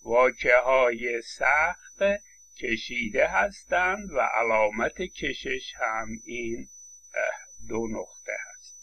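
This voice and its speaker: A man's voice: medium pitch, creaky, bright, forceful tone, a little hiss or hum, poor audio. A man giving a university phonetics lecture, explaining step by step with frequent hesitation fillers and modeling vowel sounds aloud.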